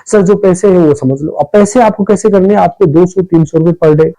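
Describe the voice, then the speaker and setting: Man, casual business advice, quick and repetitive, slightly high, mellow. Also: rough recording. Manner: rapid, repetitive, addresses viewers as brother. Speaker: business ideas channel host. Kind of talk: casual advice talk to camera.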